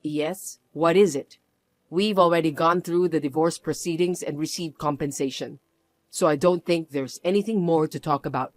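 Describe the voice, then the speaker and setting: A reader voicing a middle-aged protective mother who speaks low, cold and firm in a scripted audio story. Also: normal speed, no echo, close to an everyday voice.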